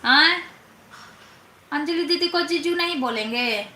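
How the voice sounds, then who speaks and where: On a casual live stream, a young woman speaks in a high, pushed, bright voice, reading comments aloud and teasing her viewers. She's playful and stretches out her questions, in an echoey room with faint background noise.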